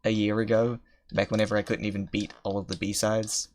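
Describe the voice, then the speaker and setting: A fairly low, level, darkish male voice moves at a fairly quick clip, with a faint hiss or hum behind it. He's a young streamer giving casual gameplay commentary, rambling, self-mocking and thinking aloud between attempts.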